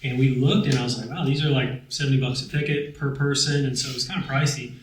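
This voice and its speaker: A man in relaxed conversation who hesitates and often circles back to rephrase himself. He sits at a distance from the mic, and his voice carries in a roomy, echoey space. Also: medium pitch, quick pace. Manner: hesitant, many fillers and restarts. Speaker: vlog co-host. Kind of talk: casual chat.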